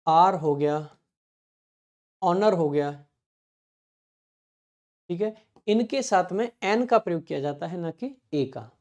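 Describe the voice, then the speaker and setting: A man with a mellow, relaxed tone runs an online exam-prep grammar lesson. He reads each example sentence slowly and clearly, then turns to his students with quick questions to check they follow. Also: high voice. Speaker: English teacher for exam prep.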